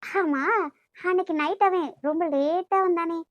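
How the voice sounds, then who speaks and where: A woman voicing a sharp-tongued jealous young wife. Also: very high voice, a little slow, background noise. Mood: scornful. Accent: Kanyakumari Tamil. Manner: scornful, taunting. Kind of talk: cartoon voice acting.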